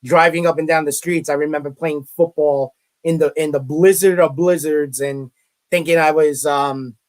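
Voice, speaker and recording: A college media relations director from Brooklyn, New York, this middle-aged man talks in a Brooklyn accent with a slightly high voice, fairly even intonation, and a moderate pace. As an interview guest he's chatty and self-deprecating, frequently repeating his words.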